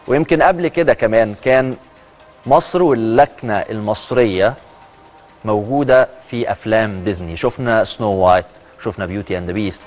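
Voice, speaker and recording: Fast-talking Egyptian male news presenter. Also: mid-range voice. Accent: Egyptian Arabic. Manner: chatty, emphatic commentary between read-out news. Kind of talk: social media news segment. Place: TV studio.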